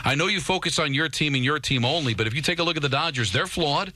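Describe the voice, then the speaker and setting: A man's voice: a little high, quick pace, sharp tone. A man co-hosting a sports talk radio show, arguing emphatically with repeated starts and rhetorical questions.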